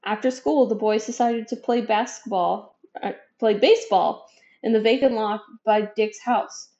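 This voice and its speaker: A woman's voice: on the high side, normal speed, dark tone. Woman reading a children's story aloud. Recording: dull lo-fi recording.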